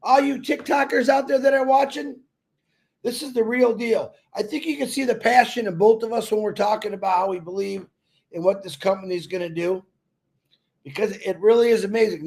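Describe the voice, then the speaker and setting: A man giving a loud, emphatic motivational talk to company members, telling folksy stories and repeating himself. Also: high voice, moderate pace. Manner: loud and emphatic, calls himself a big mouth; repetitive, folksy storytelling. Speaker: company promoter speaking to members.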